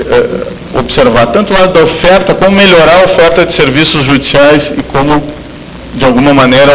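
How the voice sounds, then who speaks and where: A man's voice: on the high side, fairly bright tone, big-room sound, a little hiss or hum, poor audio. A man from southern Brazil giving an academic law lecture, speaking with frequent fillers and restarts. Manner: hesitant, many fillers and restarts.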